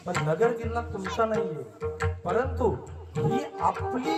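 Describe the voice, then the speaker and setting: A man from Maharashtra preaching a devotional sermon, putting question after question to his listeners. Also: high-pitched. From Maharashtra, India. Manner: preaching with rhetorical questions to the crowd. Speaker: kirtan preacher. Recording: echoey, distant mic with faint music.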